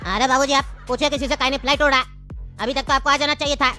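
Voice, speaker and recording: A woman's voice: sits high, fairly even intonation, fast talker, pushed and bright, faint music behind. A woman voicing a worried grown son in a cartoon who soothes his father. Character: worried adult son on the phone.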